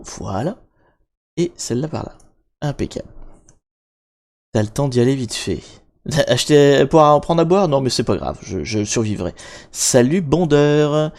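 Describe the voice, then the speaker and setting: A man's voice: medium pitch, vocal fry, darkish tone. Rambling French-speaking man streaming. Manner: rambling, self-mocking, many fillers and restarts. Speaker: livestream host. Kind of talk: casual live-stream chat explaining hacking.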